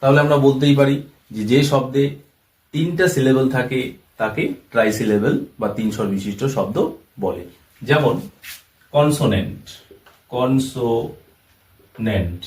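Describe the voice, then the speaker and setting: Male teacher giving a slow, repetitive lesson, recorded from a distance in a reverberant room. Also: medium pitch, darkish tone. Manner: slow, step-by-step, repeats terms and examples. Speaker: English teacher. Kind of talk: classroom-style lesson explanation. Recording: roomy echo, voice from far off the mic.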